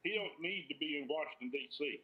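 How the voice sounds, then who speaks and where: An older man speaks in a fairly high voice with an Alabama Southern accent. His delivery is earnest, plain and blunt, like a country interviewee. The sound is dull and lo-fi, as over a video call. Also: quick pace. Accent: Alabama Southern American. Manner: plain-spoken, folksy, blunt. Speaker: interview guest, farmer.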